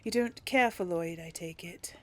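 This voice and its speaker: A woman gamer narrates a role-play series, giving casual commentary and acting out dialogue choices while musing aloud with little hums. Her voice is on the low side at a normal speed.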